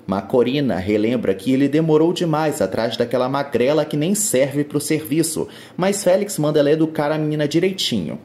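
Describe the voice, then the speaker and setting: A man with a Brazilian accent reading a scripted soap opera episode recap in a brisk storytelling manner. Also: on the high side. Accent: Brazilian Portuguese. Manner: brisk storytelling with lively rises. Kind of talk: scripted narration.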